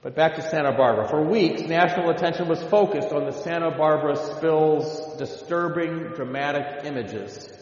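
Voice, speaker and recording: A man addressing a live audience in a measured, deliberate way, putting rhetorical questions to the listeners. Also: a little high. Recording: echoey hall, dull lo-fi sound.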